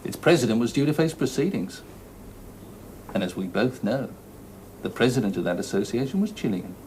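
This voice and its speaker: This is a brusque police inspector in a TV crime drama, played by a man, and his voice rises and falls a great deal. He presses and needles the people he questions. Clear background noise runs under his lines. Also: medium pitch, very animated, fairly quick, a little mellow, lightly acted. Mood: probing. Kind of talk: British television drama acting.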